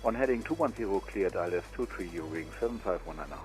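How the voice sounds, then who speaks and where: A man reading back controller instructions as a pilot, in quick clipped phrases over a headset radio transmission. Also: sits low, lively intonation, darkish tone, faint music behind. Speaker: pilot on a flight sim network. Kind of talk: radio readback. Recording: distant radio voice.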